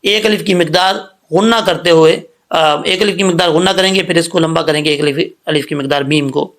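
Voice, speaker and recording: A man teaching Quran recitation rules, spelling words letter by letter and chanting verses slowly, often checking that listeners follow. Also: fairly high pitch, a bit bright. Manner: slow, drawn-out chanting when reciting, patient explaining; checks understanding with repeated questions.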